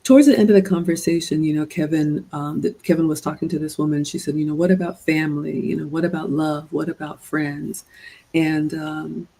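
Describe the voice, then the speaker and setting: Gravelly low-key woman coaching earnestly. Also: steady tone, fairly quick, warm tone, low-quality recording. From Ghana. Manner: earnest, preachy, addresses "ladies" directly. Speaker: relationship coach. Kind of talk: livestream commentary with viewer shout-outs.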